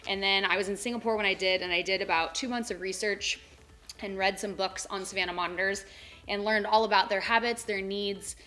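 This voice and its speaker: Bright-voiced chatty young woman vlogger. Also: medium pitch, steady tone, fairly quick. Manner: chatty, filler-heavy with frequent "um" and "like". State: out of breath. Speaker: pet vlogger. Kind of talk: casual vlog talk. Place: home animal room.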